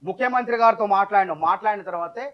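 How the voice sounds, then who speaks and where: Rapid high-voiced man. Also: highs cut off. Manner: tells a folk parable at length, talks over interruptions. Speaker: political party spokesman in a debate. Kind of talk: heated televised debate.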